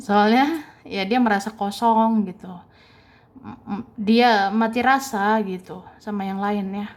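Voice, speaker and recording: A woman giving a chatty, casual tarot reading, repeating points and laughing lightly between them. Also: mid-range voice. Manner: chatty, repeats herself, ends phrases with soft tag words. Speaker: tarot reader.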